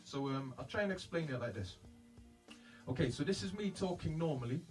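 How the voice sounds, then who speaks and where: A man's voice: animated, brisk, darkish tone, distant mic, soft background music, rough recording. A man explaining a beatbox technique in a casual, hesitant way, with many ums. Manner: hesitant, many ums, switches into a deep gravelly growl to demonstrate. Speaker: beatbox teacher. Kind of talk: casual bilingual tutorial.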